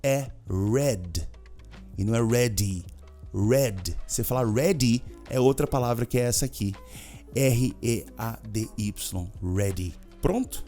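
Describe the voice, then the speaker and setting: A man teaching an energetic video lesson, chatting with viewers and drilling pronunciation aloud. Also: medium pitch, unhurried, faint music behind. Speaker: English teacher.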